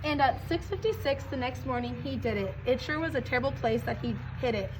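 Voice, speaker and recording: A young woman reads a rhyming picture book aloud, her voice pitched high and bright. She moves briskly through the verses. A faint hiss sits under the recording. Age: young adult. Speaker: reader. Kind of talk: storybook read-aloud.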